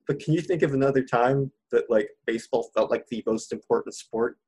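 Male podcast co-host, husky mid-pitched voice, loose jokey banter. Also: fairly quick, a little mellow, low-quality recording. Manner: jokey, puts on silly accents. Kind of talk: casual chat.

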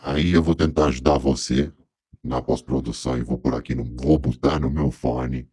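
A man's voice: fairly even intonation, normal speed, a little mellow, no room sound. A man speaking through a voice changer, a joking, laid-back podcast guest chatting casually. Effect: voice changer, distorted very deep and gravelly. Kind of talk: casual chat.

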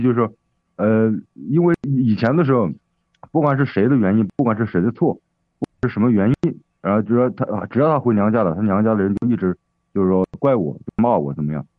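A man with a low voice phones in to a radio advice program, rambling and hesitant, full of fillers and restarts. He talks fast over a tinny phone line. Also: animated, no room sound. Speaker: caller. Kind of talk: phoning in to a radio advice show.

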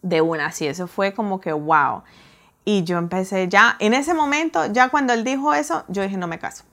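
Animated woman telling her story. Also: mid-range voice, moderate pace. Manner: animated, acts out her own reactions. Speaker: guest telling her testimony. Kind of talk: casual storytelling.

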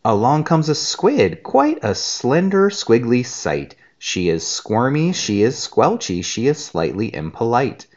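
A man in his thirties, a parent co-hosting, reading a children's storybook aloud in an animated, playful way. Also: medium pitch, a little slow, few pauses, lo-fi sound.

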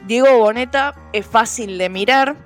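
A woman with a Rioplatense Spanish accent co-hosts a casual podcast chat, chatty and slangy with frequent fillers. Her voice is fairly high-pitched at a normal speed, with faint music behind.

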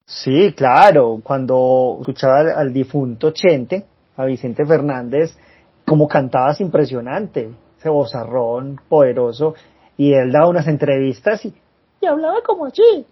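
A man's voice: mid-range voice, unhurried, slightly rough, dull audio. A man co-hosting a podcast, chatting casually and laughing often. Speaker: podcast co-host. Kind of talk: casual chat.

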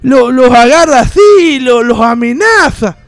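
A man playing a rambling rustic countryman, telling a story loudly on radio. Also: very high-pitched, lively intonation, a little slow, vocal fry, no room sound, faint music behind, full character voice. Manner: shouting, rambling, constant "¿viste?". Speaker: comedy guest. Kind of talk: comic storytelling in character on radio. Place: radio studio.

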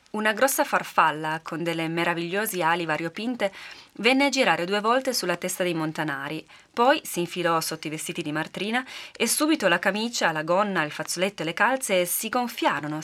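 A woman narrating a folk tale for a podcast in a lively, expressive storytelling manner. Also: on the low side.

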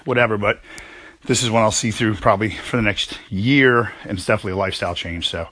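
A man's voice: on the low side, fast, a bit bright, dry recording. A man in his forties hosting his own show, out of breath after a workout, talking upbeat and casual with heavy breathing between phrases. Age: 40s. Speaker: podcast host. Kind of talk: casual motivational talk. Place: home gym.

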